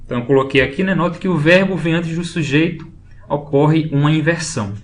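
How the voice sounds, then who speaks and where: A man explaining French grammar in a slow, patient lesson, saying each example phrase twice. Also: a little high. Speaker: French teacher. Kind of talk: screen-based language lesson.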